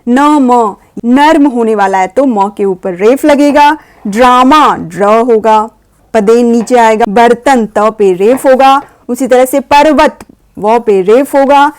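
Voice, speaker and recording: A woman patiently explaining a grammar lesson to parents, slowly sounding out letters. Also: a little high, darkish tone, clear, resonant tone. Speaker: teacher guiding parents.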